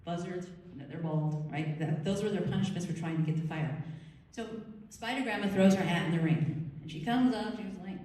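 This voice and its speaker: A woman giving a chatty, animated storytelling talk to a live audience, often asking them questions. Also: on the low side, brisk, hardly any pauses. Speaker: speaker at a storytelling event. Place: large room at a live event. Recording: echoey hall, voice from far off.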